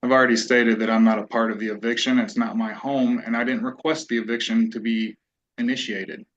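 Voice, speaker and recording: A man's voice: medium pitch, fairly even intonation, a little fast. A man testifying in a divorce hearing, guarded and evasive, heard through a courtroom recording. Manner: guarded, evasive, repeats that he doesn't recall. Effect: courtroom recording played back on a stream. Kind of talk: testimony under questioning. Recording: dull lo-fi courtroom audio.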